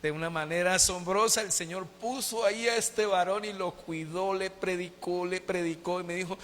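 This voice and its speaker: Middle-aged Colombian pastor, fairly high-voiced, preaches an emotional testimony that keeps repeating itself, long church reverb. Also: male voice, steady tone, normal speed, a bit bright, slight background noise. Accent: Colombian Spanish. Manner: emotional storytelling with heavy repetition. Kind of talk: sermon with personal testimony. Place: church sanctuary.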